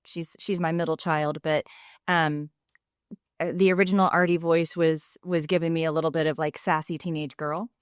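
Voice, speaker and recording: Chatty, smooth-voiced woman in her forties. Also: low-pitched, level tone, dry recording, studio quality. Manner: chatty, laughs often, quick asides. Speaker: guest. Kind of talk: casual podcast conversation.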